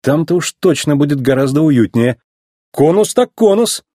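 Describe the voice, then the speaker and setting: A cocky young race car, as a man acts him out, excitable and quick to yelp. The husky voice jumps high with lively swings. It is a dry, close storybook recording. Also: dry recording. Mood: puzzled. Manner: excitable, yelping when upset.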